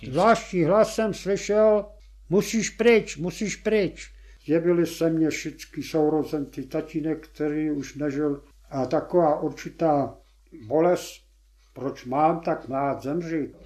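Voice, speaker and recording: A man in his eighties recalling combat as a war veteran, telling it vividly and acting out the shouts of the men around him. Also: a little high. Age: 80s. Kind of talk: personal war testimony.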